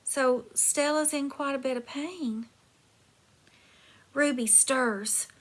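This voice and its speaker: A woman's voice: sits high, slow. A woman teacher reading a chapter book aloud to her class, stopping to explain words and check in with her listeners.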